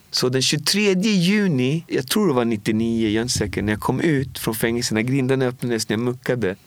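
A man in his forties with a lowish voice, recorded without echo, tells a personal story as an interview guest. He speaks casually and from the heart, using frequent fillers and often quoting what people said to him.

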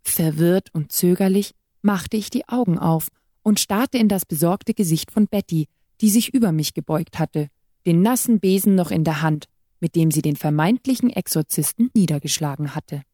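A woman's voice: lowish voice, normal speed, warm tone, no room sound. Woman reading a short story dry. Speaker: reader. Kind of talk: scripted narration of a short story.

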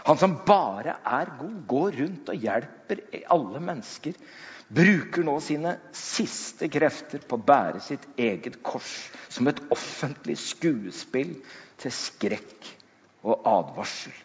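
A man preaching in a dramatic storytelling style, slowing down and dropping low for emphasis. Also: very animated. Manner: slows down and drops low for emphasis. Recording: dull sound in a long-echo hall.

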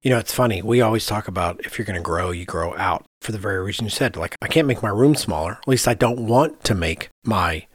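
An architect co-hosting a podcast talks things through conversationally, frequently thinking out loud. He has a fairly low voice and speaks a little fast with few pauses, recorded cleanly in a studio with no echo.

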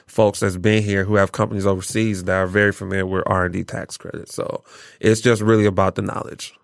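A man's voice: deep voice, brisk, gravelly, no echo, clean studio sound. A man in his forties, born in Nigeria and raised in Michigan, talking casually as an interview guest with plenty of fillers. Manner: relaxed, many fillers, enthusiastic.

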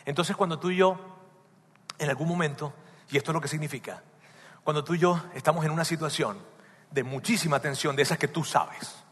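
A man's voice: a little high, a little fast, fairly bright tone, breathy edge. A man preaching a sermon as a pastor, emphatic, who keeps asking his listeners direct questions. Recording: long reverb of a large hall.

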